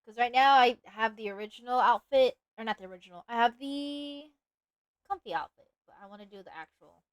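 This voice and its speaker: Casting: high-voiced woman streamer, chatty and playful, dry close mic. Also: brisk, dry recording. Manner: chatty, playful, dramatic outbursts. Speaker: VTuber streamer. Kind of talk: casual live-stream chat.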